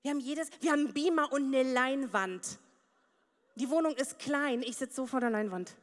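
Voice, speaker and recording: A woman's voice: sits high, normal speed. A young woman performing a stand-up comedy set with crude, brash punchlines. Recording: long reverb of a studio hall.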